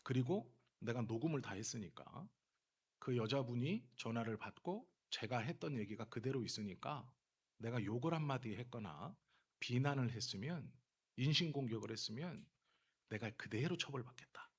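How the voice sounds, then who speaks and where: Male pastor in the pulpit with a husky tone, telling stories, dropping low then pressing hard. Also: animated, normal speed. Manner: storytelling, swings from hushed asides to heated emphasis. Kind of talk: sermon. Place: church sanctuary.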